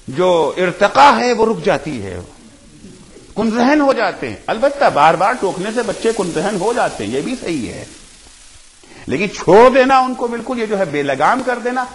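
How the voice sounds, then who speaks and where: A male cleric delivering a majlis sermon, emphatic, asking rhetorical questions, rising to shouts and then dropping low. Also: poor audio. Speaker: Shia cleric giving a majlis.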